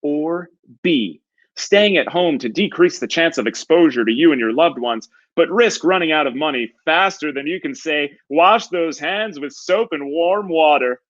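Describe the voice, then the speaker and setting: Man playing a booming, showy game show host. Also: expressive, measured pace, a bit bright, dull audio. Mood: dramatic build-up. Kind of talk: theatrical game show presenting.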